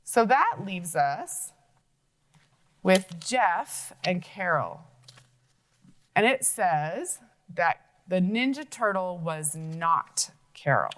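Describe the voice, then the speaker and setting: A woman's voice: lowish voice, expressive, extremely slow, fairly bright tone. A woman teacher walking young children through a logic puzzle, thinking aloud and asking them questions.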